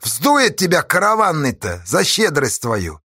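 A man's voice: on the high side, wildly swooping pitch, measured pace, bright, forceful tone, slightly rough, dry recording, studio quality, pitched above the performer's own voice, heavily acted. A man voicing a mocking boatman who teases his pilot in an audiobook. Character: wary grown male boatman, mocking.

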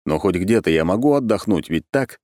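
Guy reading an audiobook, wry and chatty, lowish voice, really dry close sound. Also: expressive, brisk, a little mellow, no room sound. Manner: wry, conversational. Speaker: audiobook narrator. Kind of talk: first-person audiobook narration.

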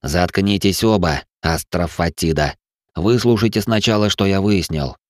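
Male reader as a deliberate, stubborn ghost captain, low voice, dry read. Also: no room sound, close to an everyday voice. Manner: slow, steady and stubborn. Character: stubborn man, a digital ghost ship captain.

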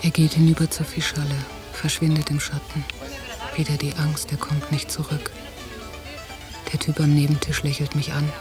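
An actress voices a quiet, brooding woman, young to middle-aged, who is anxious, jealous, and watchful while on holiday; her tone is even and low, her pace moderate, close to an everyday voice, and her mood inward. It's a German radio drama of intimate interior monologue and dialogue, recorded in 1990 and taken from cassette, with music in the background.

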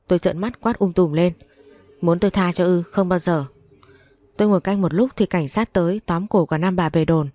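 Low mellow-voiced woman narrating a story. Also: no room sound. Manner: dramatic first-person telling.

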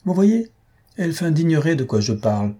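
A man reading aloud and voicing a grumpy, irritable older husband who blusters and shouts sarcastically. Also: on the high side, big pitch swings, moderate pace, voice pushed up. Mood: grumbling.

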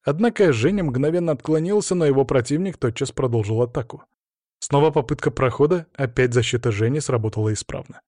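Brief: male first-person audiobook narrator, steady and measured, mid pitch, dry close-mic sound. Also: no room sound.

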